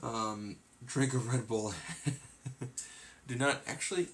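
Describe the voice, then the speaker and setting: A man's voice: medium pitch, fairly even intonation, moderate pace, slight background noise. A man casually chatting on a live stream, sleepy and yawning, rambling through his plans with lots of fillers. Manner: rambling, filler-heavy, tired.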